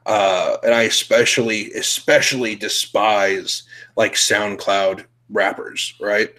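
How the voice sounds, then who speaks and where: A man's voice: fairly low pitch, fairly even intonation, slow, bright, forceful tone, poor audio. A young man hosting a show, chatting casually with blunt, profane, laughing talk. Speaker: podcast host. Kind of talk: casual chat.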